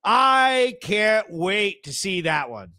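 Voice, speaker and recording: A man hosting a live stream, telling a story with mocking glee and breaking into shouted rants. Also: sits high, sing-song, slow pace. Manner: sneering, laughs at his own stories, rising to shouted rants. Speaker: show host.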